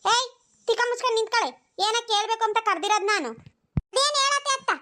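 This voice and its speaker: Cartoon young village wife, voiced by a performer, sassy, talks back, squeaky high voice. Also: quick pace, pushed and bright, slight background noise. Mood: protesting. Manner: cheeky and dismissive. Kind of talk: cartoon voice acting.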